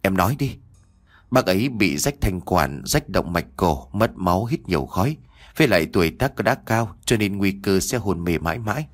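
A man's voice: sits low, animated, normal speed. A man voicing a devoted young wife in an audio story, anxious and pleading.

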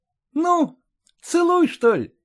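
A man's voice: very high-pitched, big pitch swings, takes it slowly, voice pushed up, full character voice. A man voicing a brash young farmhand who teases and bargains cheekily. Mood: cocky. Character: cocky young male farmhand, brash and mocking.

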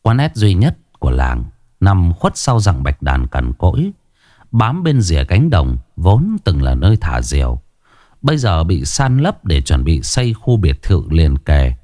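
Brief: male storyteller, somber scripted ghost tale, deep tone, dry close sound. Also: huge pitch swings, a little slow, warm tone, no echo.

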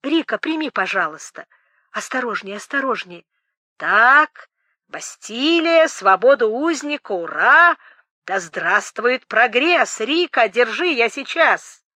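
A woman's voice: on the high side, very animated, takes it slowly, pushed and bright, dry recording, clean studio sound, heavily acted. A woman putting on a bleating, overjoyed man. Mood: ecstatic. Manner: exclaiming, breathless with delight. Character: excitable middle-aged man, childishly thrilled, bleating.

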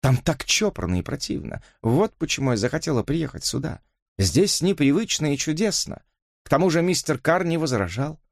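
A man reading an audiobook, voicing a shy, earnest young woman who speaks quietly. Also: on the high side, sing-song, moderate pace, creaky, dry recording, clean studio sound, pitched above the performer's own voice, full character voice. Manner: soft-spoken.

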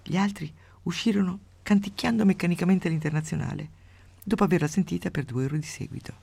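A woman radio host reading a literary passage aloud with dramatic swings from hushed to loud, then chatting with a guest. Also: on the low side, a little fast, vocal fry, husky.

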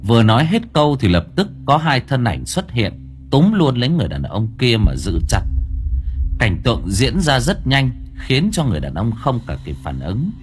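A man narrating a dramatic audiobook in an expressive, animated way. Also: mid-range voice, normal speed, faint music behind.

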